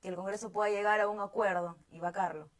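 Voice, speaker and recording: A woman hosting a political interview, speaking in a measured way as she reads out quotes and poses questions to her guest. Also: medium pitch, steady tone. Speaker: host.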